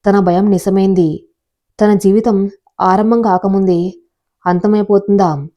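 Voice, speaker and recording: A woman reading a scripted story in a steady, measured way. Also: mid-range voice, highs cut off. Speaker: narrator.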